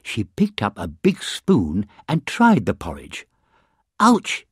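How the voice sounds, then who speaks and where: Narrator for a kids' fairy tale, very animated, swoops up and down in pitch. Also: takes it slowly, breathy edge, dry recording, clean studio sound. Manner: expressive, voices each size with changing pitch. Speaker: storyteller. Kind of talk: children's storybook reading.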